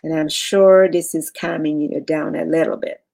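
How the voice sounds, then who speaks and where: A woman coaching in a measured, instructional way, leaving pauses as she guides a relaxation exercise. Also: sits low, steady tone, creaky, dark tone. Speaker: relaxation and mental fitness coach.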